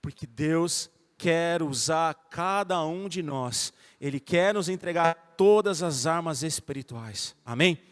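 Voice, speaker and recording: Brazilian man, pastor, high voice, fervent sermon, long church-hall echo. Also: takes it slowly, hardly any pauses, smooth. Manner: fervent preaching, swinging from soft to loud. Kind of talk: evangelical sermon.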